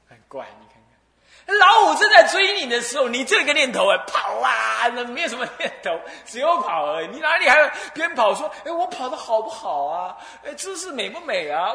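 Animated monk telling stories. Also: male voice, extremely high pitch, roomy sound. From Taiwan. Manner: animated storytelling, acts out dialogue, laughs often. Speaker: Buddhist abbot and lecturer. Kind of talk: Buddhist sermon.

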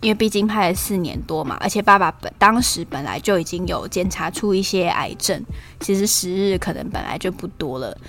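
A woman's voice: mid-range voice, fairly bright tone. A woman with a Taiwanese Mandarin accent hosting a casual film review podcast, retelling scenes in a chatty way and acting out quotes. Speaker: podcast host.

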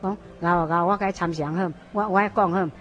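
A woman from Taiwan sharing her conversion story as an interview guest, telling it in an animated way and often quoting others. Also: on the low side, fairly quick, muffled recording, faint music behind. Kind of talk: lively personal testimony in casual conversation.

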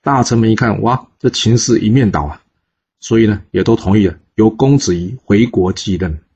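A man telling a historical story in a lively way, with asides to his listeners. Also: on the low side, moderate pace, husky, lo-fi sound.

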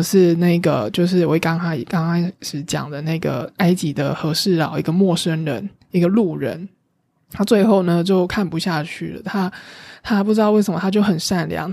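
A woman's voice: on the low side, darkish tone, no room sound. Chatty Taiwanese Mandarin woman, dry close mic. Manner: chatty, frequent fillers and self-corrections. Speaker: travel podcast host. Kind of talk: casual storytelling monologue.

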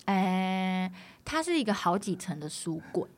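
A woman's voice: mid-range voice, sing-song, measured pace. A young woman with a Taiwanese Mandarin accent, co-hosting a podcast and chatting at length about her childhood. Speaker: podcast co-host. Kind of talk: casual chat.

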